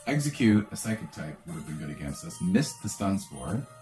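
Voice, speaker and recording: Low, lively man co-hosting a game playthrough, wry, faint music behind. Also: a little fast. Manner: wry, playful, reads game lines aloud. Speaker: co-host playing a video game. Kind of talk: casual gameplay chat.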